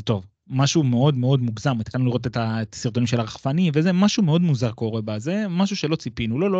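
Animated man telling a story. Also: no room sound. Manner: animated storyteller with wide pitch swings. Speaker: podcast co-host. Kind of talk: casual podcast storytelling. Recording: dry, slightly dull sound.

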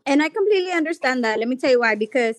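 A woman from San Antonio hosting a casual chat, relaxed and agreeable. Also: high voice, very fast, no echo.

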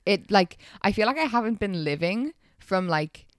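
Lively young Irish woman, swearing freely. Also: medium pitch, moderate pace, no room sound, studio quality. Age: 20s. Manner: animated, swearing, laughing. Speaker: podcast co-host. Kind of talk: casual chat.

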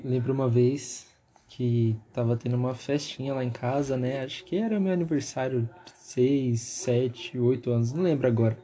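A young man, co-hosting a podcast in a relaxed, teasing way. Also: medium pitch, moderate pace, a little hiss or hum. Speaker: podcast co-host. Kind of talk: casual podcast chat.

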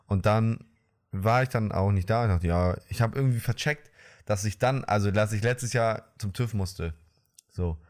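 A man's voice: on the low side, normal speed, a little mellow. A young man in a casual podcast chat, telling a story in slang and laughing often. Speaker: podcast co-host.

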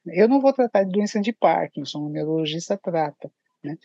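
Brazilian woman psychiatrist explaining stuff on a podcast, husky voice, kinda dull muffled audio. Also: fairly low pitch, animated, brisk, mellow, no echo. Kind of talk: explanatory interview talk.

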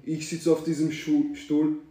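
A young man telling a scary story to friends in a casual, slangy, animated way. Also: fairly high pitch, a little slow, reverberant, far from the mic.

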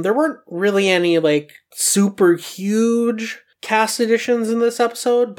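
A young adult podcast host leading a casual discussion about animation with friends. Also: mid-range voice.

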